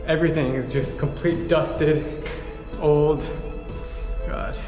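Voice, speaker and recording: A young man filming a travel vlog in an abandoned palace with a handheld camera, talking in an excited, exclaiming way. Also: on the high side, slow pace, over music. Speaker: travel vlogger. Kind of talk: travel vlog with voice-over narration. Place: abandoned palace, large empty stone rooms. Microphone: handheld camera at arm's length.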